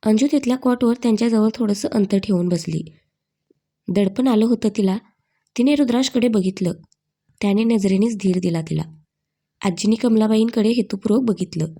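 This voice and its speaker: A woman storyteller who reads a scripted story in a steady, even manner. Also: medium pitch, normal speed. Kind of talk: scripted narration.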